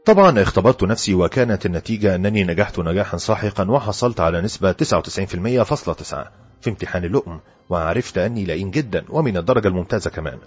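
A man's voice: deep voice, animated, rapid-fire, slightly rough. A man with an Egyptian accent, narrating an audiobook in the first person in a wry, humorous way. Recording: dull lo-fi audio with faint background music.

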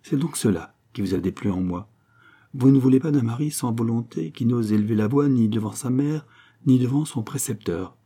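A man's voice: on the low side, moderate pace, dark tone, slightly rough. A man reading the part of a nervous young male count, an earnest suitor who pleads eagerly and lifts his voice as he talks.

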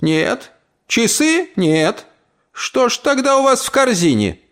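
A man doing a shrill, scolding old woman. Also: sing-song, slow, fairly bright tone, exaggerated voice. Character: feisty, sharp-tongued old woman.

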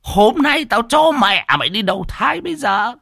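A man voicing a hot-tempered old male master who yells in a high, shrill voice and scolds his student. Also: animated, moderate pace, vocal fry, no echo, studio quality, exaggerated voice. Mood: furious. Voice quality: shrill, yelling.

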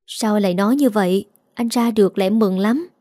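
A woman's voice: medium pitch, moderate pace, mellow, no echo, studio quality, lightly acted. A woman voicing a meek, submissive young pregnant wife in a storybook reading.

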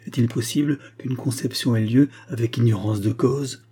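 A man's voice: medium pitch, fairly even intonation, moderate pace, warm tone, slightly rough, close to an everyday voice. A man voicing a distressed young noblewoman, anxious and pleading, in a novel reading.

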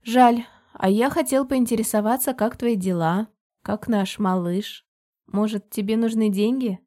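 A woman reading the part of a controlling man in an audiobook, speaking evenly and almost friendly while quietly pressuring. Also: a little high, unhurried. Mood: falsely friendly. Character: controlling adult man, calm and falsely caring.

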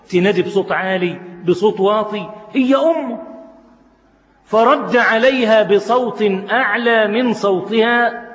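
High-voiced Egyptian preacher in a reverberant hall. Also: male voice, muffled recording. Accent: Egyptian Arabic. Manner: colloquial storytelling preaching, voicing quoted figures. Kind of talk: sermon.

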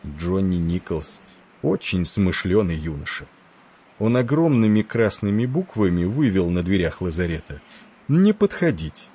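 A man voicing a genial, wisecracking male ship's doctor with an Irish accent, talking with rough familiarity. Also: low-pitched, very animated, unhurried, mellow, heavily acted.

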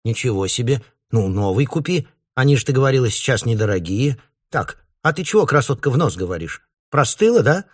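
A man's voice: medium pitch, sing-song, brisk, pitched above the performer's own voice. A man voicing an older mother, a pensioner who fusses, scolds and teases her daughter. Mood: fussing. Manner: fussy, scolding, teasing. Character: chatty grumbling older woman, a pensioner mother.

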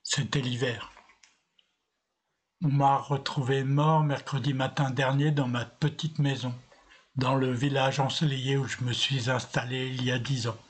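A man narrating a scripted first-person story in a steady, unhurried way. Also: mid-range voice, slightly rough.

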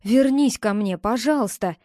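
A woman's voice: fairly high pitch, moderate pace, dark tone, no room sound, studio quality, natural voice. A woman reading as a pleading ex-boyfriend. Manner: pleading, then curt and defensive. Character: young man, tense pleading ex-boyfriend. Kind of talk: audiobook character reading.

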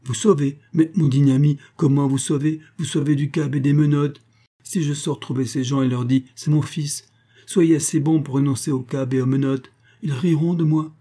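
A man's voice: fairly high pitch, steady tone, moderate pace, mellow, voice pushed up, natural voice. A man reading the part of a cool, sardonic aristocratic older marquis, with a languid and mocking delivery.

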